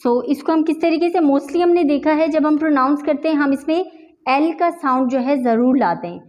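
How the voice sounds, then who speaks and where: A young woman teaching English pronunciation in a lesson, explaining in Hindi with English phrases and repeating each example word slowly. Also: sits high, darkish tone. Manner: slow, drawn-out repetition of example words.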